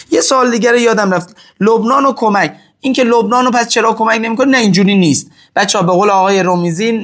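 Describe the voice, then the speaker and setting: A man giving impassioned talk to an audience, answering their questions, repeating phrases for stress and swinging between loud emphasis and hushed asides. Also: sits high. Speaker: religious-political speaker answering audience questions.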